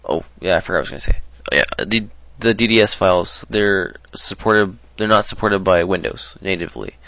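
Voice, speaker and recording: A man's voice: sits low, animated, a little fast, a bit bright, dry recording. A man talking through a casual screen-recorded modding tutorial, rambling and hesitant with many ums and restarts, on a desktop mic. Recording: dull lo-fi dry mic.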